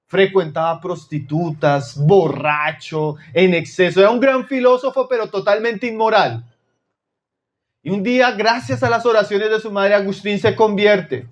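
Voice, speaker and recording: A Chilean man preaches a sermon at a measured pace, calling his listeners brothers and sinking into low, intense tones to drive points home.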